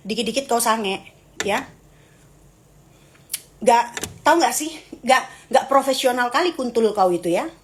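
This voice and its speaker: A woman's voice: a little high, animated, measured pace, pauses often, a little hiss or hum. Dramatic young woman, live streaming. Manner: dramatic, playful and teasing. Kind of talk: live stream chat reading comments.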